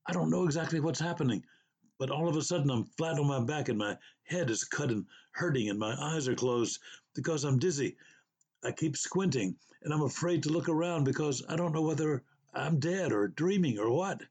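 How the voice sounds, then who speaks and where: A man's voice: a little high, moderate pace, a little mellow, slightly rough, voice pushed up. A man voicing a frightened woman recalling her fall, told in an uncertain first-person way. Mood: dazed. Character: frightened injured woman, dazed after a fall.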